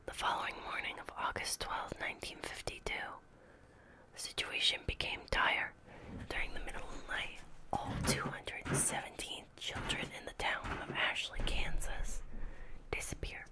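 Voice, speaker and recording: A woman reading a horror story as whispered ASMR, in a hushed, creeping, measured manner like someone giving an official report. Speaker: ASMR reader.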